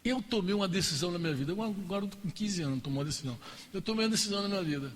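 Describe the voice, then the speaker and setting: A pastor voicing a hurt, defiant teenage son. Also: male voice, high voice, expressive, very fast, big-room sound. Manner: defiant, then near tears.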